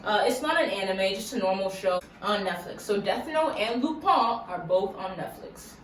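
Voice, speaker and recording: A woman's voice: medium pitch, lively intonation, moderate pace. Chatty young woman vlogging in an echoey room. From Massachusetts. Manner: chatty, giggly, lots of "like". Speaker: YouTuber. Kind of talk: casual Q&A vlog. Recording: echoey room, mic at a distance, faint hiss.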